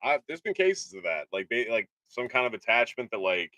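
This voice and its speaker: Bright-voiced joking podcast co-host, a man. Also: mid-range voice, big pitch swings, fairly quick, dry recording, low-quality recording. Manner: joking, short interjections. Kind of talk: casual chat.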